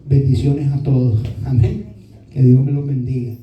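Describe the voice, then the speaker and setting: A man's voice: mid-range voice, level tone, moderate pace, reverberant, far from the mic, lo-fi sound, a little hiss or hum. A male pastor preaching a sermon, often adding "¿verdad?" to check in with listeners. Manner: often adds "¿verdad?" as a tag question.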